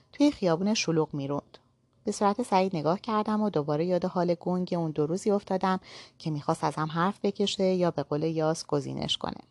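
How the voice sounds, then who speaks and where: A woman narrating a novel aloud in the first person, in a steady storytelling manner. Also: on the low side, dry recording, studio quality.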